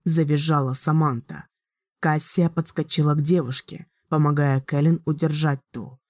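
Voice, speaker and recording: A woman with a low voice narrates an audiobook in a measured, dramatic way. The recording is close and dry, with no room sound. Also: steady tone, darkish tone, no room sound. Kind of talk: scripted narration.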